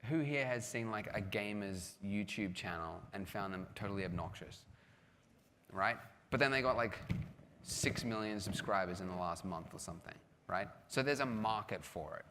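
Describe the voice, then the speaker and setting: A man's voice: on the low side, normal speed, fairly bright tone. A man speaking casually at a live panel, chatty and self-deprecating, with lots of restarts and filler words. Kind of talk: casual conference talk with audience questions. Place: large hall with audience. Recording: long hall reverb with faint background noise.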